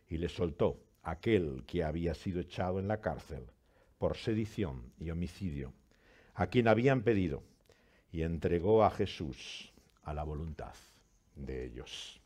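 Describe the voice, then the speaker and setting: A man's voice: deep voice, mellow. A man who reads a scripture passage with dramatic rises and falls, then preaches earnestly as pastor. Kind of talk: scripture reading and sermon.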